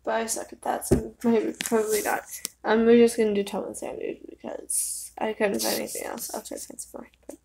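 A woman's voice: a little high, flat delivery, a little fast, creaky, background noise. A young woman hosting a reaction video, chatting casually in a rambling way and correcting herself as she goes.

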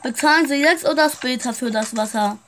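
A woman's voice: high voice, fairly quick, noisy background. A woman playing a shopkeeper in a casual game roleplay, chatting straight to her viewers. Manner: chatty, keeps addressing viewers.

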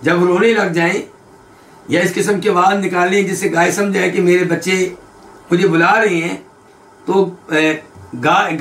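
A man teaching a hadith lesson. He quizzes his listeners with quick questions, and he recites quoted lines slowly before explaining them. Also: high-pitched, fairly bright tone. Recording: echoey room.

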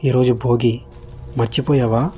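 A man's voice: mid-range voice, steady tone, measured pace, mellow, faint music behind, close to an everyday voice. A man voicing a worried old grandmother in a horror audio story, in a scolding, fussing tone. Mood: teasing. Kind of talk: scripted horror story narration.

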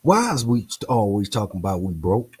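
A man's voice: lowish voice, big pitch swings, brisk, darkish tone, a little hiss or hum. A man hosting a show, reading from a book and breaking off into preachy, playful slang commentary with exclamations and repetitions. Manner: speaks in informal slang. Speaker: host.

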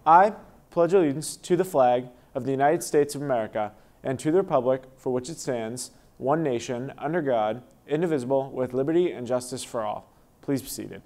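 A man's voice: mid-range voice, brisk, a little mellow. A young man reading scripted school announcements as the announcer.

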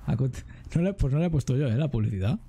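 A man with a Spain Spanish accent giving casual gameplay commentary, excitable and jokey, swearing freely. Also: mid-range voice, fast, slight background noise. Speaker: gaming streamer.

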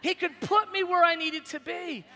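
A pastor in his forties preaches animatedly on a large church hall stage, swinging between loud, high bursts and quiet, low asides. He keeps a moderate pace, and the recording has long hall reverb with faint music behind.

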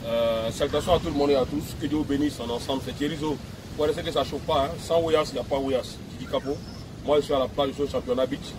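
A man's voice: mid-range voice, steady tone, quick pace, background noise. A man giving an emphatic, repetitive video message outdoors at a beach. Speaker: music personality addressing fans.

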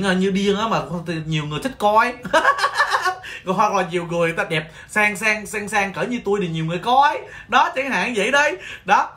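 Fast, bright-voiced Vietnamese man ranting. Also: sits high. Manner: animated, exclaims often, mock-scolding rants. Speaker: livestream host, nail salon owner. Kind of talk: casual storytelling livestream.

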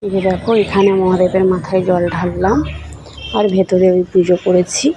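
Lady vlogger walking and chatting into her phone, pretty flat delivery, lots of street noise and birds behind her. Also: lowish voice, moderate pace. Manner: chatty running commentary while walking. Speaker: lifestyle vlogger. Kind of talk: casual vlog narration. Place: outdoors on streets and at a temple in light rain.

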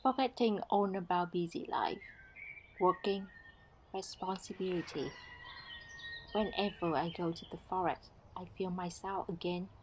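A woman narrating a foraging vlog as a guide, speaking calmly in simple, non-native English. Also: fairly low pitch, measured pace, a little hiss or hum. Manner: calm, simple instructive phrasing.

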